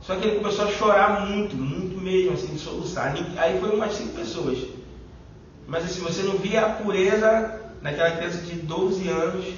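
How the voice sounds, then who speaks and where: A man's voice: sits high, normal speed, a little hiss or hum. Chatty Brazilian man in an echoey hall. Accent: Brazilian Portuguese. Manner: chatty, rambling, fillers like "né" and "e tal". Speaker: Bible study leader sharing testimony. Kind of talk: informal testimony in a Bible study. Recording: echoey, distant, dull lo-fi room recording.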